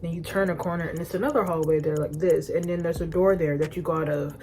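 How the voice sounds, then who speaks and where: A young woman vlogger telling an animated storytime to her phone camera, often laughing at herself. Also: on the low side, fast talker, a little hiss or hum. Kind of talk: storytime vlog.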